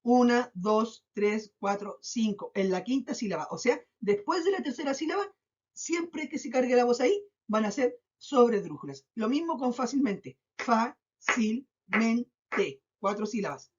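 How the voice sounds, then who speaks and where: A woman teacher giving a recorded class, patient, drawing out syllables slowly and checking in often. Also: a little high, very animated, a little mellow, breathy edge. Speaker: school teacher. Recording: dull lo-fi recording.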